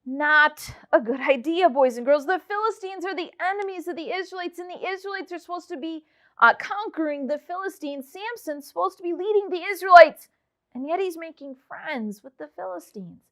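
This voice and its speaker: A woman teaching children a Bible lesson, reading verses and retelling the story with lively asides to the kids. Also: very high voice, normal speed. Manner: animated storytelling, addressing the children directly.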